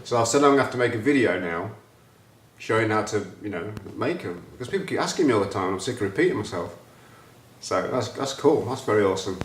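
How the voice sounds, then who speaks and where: A man, hosting a casual chat and talking about his plans in an animated, excitable way. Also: fairly low pitch, fast, reverberant, a little hiss or hum. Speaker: host.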